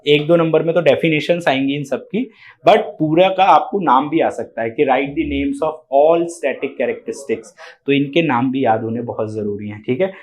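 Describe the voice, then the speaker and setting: Man, high-pitched voice, exam coaching lecture, slow read-out definitions, frequent "theek hai". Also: a little mellow. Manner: explains step by step, often asks "theek hai" and "hai na"; switches between Hindi and English mid-sentence. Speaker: teacher.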